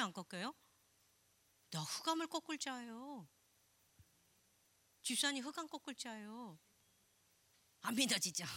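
Woman preaching a sermon, high-pitched, very bright tone, animated, playful, hushed asides. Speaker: pastor's wife preaching.

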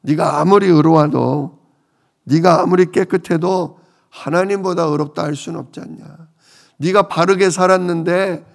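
A man's voice: sits high, vocal fry. A man voicing a blunt older male friend who scolds a suffering man and lectures him to repent. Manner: rebuking, lecturing.

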